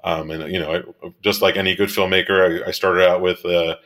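A man's voice: low voice, level tone, brisk, fairly bright tone. A man in his thirties from Miami, a commercial photographer and director, talking casually as an interview guest, rambling with many fillers and restarts and laughing easily. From Miami, United States.

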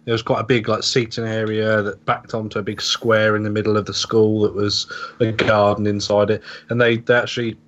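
A man in his thirties, a podcast host, telling a story in a relaxed, hesitant way. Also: lowish voice, brisk. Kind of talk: casual podcast chat. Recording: dull lo-fi podcast audio.

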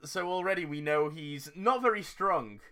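A man's voice: on the high side, lively intonation, moderate pace, bright, forceful tone. A man co-hosting a casual podcast about building tabletop characters, joking and laughing easily. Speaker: podcast co-host.

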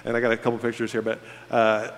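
This is a fast-talking man with a mid-range voice and a completely flat delivery. He's a church staff member in his thirties, born in Egypt and brought up in the US, saying goodbye to his congregation from the stage of a church auditorium through candid, self-deprecating anecdotes with many fillers. Laughter rises from the audience amid the long echo of the big hall.

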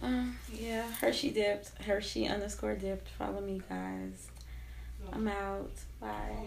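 A woman's voice: mid-range voice, animated, slow, gravelly, echoey room, a little hiss or hum, rough recording. A woman guesting on a podcast, talking in a laid-back, dismissive, profane way. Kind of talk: casual podcast chat.

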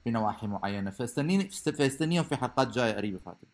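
A man's voice: medium pitch, animated, racing. A man with a Levantine Arabic accent co-hosting a podcast, chatting casually in a joking, playful way. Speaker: podcast co-host. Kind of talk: casual bantering chat.

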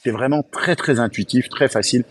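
A man's voice: medium pitch, a little fast, slight background noise. A man speaking as an enthusiastic guest in a remote podcast interview, often restarting his sentences. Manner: enthusiastic, talks in bursts with many restarts. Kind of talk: remote interview, casual chat.

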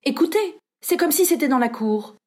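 A woman's voice: high-pitched, animated, normal speed, darkish tone, pitched above the performer's own voice. A woman reader voicing an anxious, pleading male servant who is fussy and fearful. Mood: alarmed.

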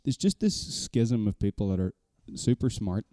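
A man's voice: fairly low pitch, very animated, moderate pace, warm tone, dry recording. A man in casual podcast chat, rambling and self-deprecating, swearing now and then.

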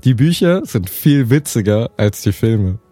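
A young man in casual podcast chat, laid-back and slangy, pausing often with fillers. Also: mid-range voice, animated, dark tone, no echo, faint music behind.

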